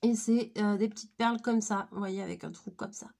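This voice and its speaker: A woman in her thirties with a voice hoarse from flu, chatting informally and with slang as she presents a craft tutorial. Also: mid-range voice, fairly even intonation, brisk, darkish tone. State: hoarse, croaky from flu, coughing. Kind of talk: casual craft tutorial chat. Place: small attic room indoors.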